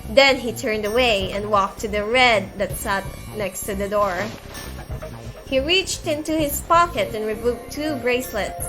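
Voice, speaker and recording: A woman's voice: fairly high pitch, a little slow, music in the background. A woman streamer reading a visual novel aloud, with chatty asides in between.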